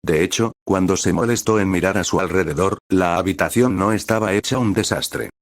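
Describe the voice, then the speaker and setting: A man narrating a fan fiction story in a steady, expressive reading. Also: sits low, a little fast, no room sound, clean studio sound.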